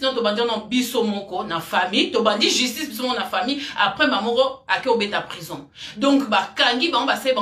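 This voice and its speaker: With a sharp, slightly high voice and reverberant audio, a woman addresses the camera in rambling, forceful commentary. She's repetitive, going over her points again and again, and calls her viewer "ma chérie."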